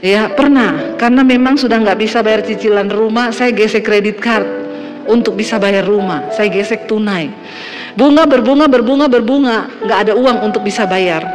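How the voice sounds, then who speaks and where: A woman's voice: medium pitch, normal speed. A woman pastor preaching a sermon, telling her own story and calling out to the congregation with rising emotion. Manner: emotional, rising to fervent pleading; addresses the congregation directly. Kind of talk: sermon with personal testimony. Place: church hall. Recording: long hall reverb with music behind.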